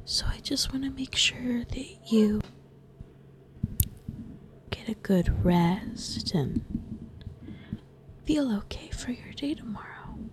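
A woman whispering softly in a soothing, doting ASMR roleplay. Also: a little high, expressive, slow, pauses often.

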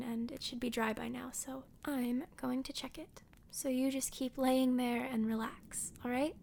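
A woman playing a playful hermit woman who tends a wounded man, talking gently and often dropping into a half-whisper. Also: on the high side, gravelly, slight background noise. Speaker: audio roleplay performer. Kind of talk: audio roleplay addressed to the listener.

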